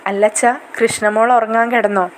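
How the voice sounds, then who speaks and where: A woman voicing a gentle, dutiful young daughter who speaks softly and reassuringly to her father in a retold serial story. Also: on the high side, flat delivery, a little fast, a little hiss or hum, lightly acted.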